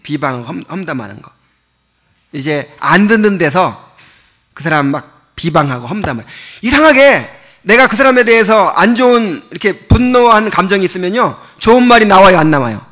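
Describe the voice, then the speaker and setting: Lively bright-voiced male pastor preaching. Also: high voice, moderate pace. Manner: conversational, explains step by step with rhetorical questions; chuckles often while teaching. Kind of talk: sermon.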